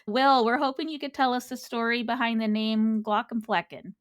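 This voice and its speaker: A woman's voice: a little high, steady tone, normal speed. A woman from Texas, a doctor who co-hosts a medical podcast and reads out guest introductions in an upbeat way. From San Antonio, Texas. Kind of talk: podcast interview.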